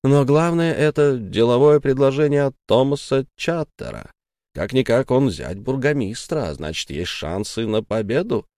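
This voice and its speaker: A man's voice: medium pitch, normal speed, no echo. A man narrating a story aloud in an audiobook style. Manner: expressive storytelling. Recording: dry close recording.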